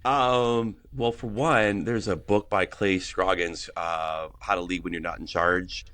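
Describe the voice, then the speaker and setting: A man's voice: deep voice, steady tone, measured pace, fairly bright tone, clear, resonant tone. A middle-aged man, a pastor, talking earnestly on a podcast, rambling with many restarts. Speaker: guest worship pastor. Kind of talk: casual podcast conversation.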